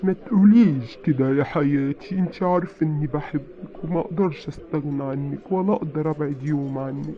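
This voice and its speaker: A man's voice: fairly high pitch, fast, few pauses, natural voice. A man with an Egyptian accent playing a cheating husband who pleads and sweet-talks in a skit. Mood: pleading. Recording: dull lo-fi sound.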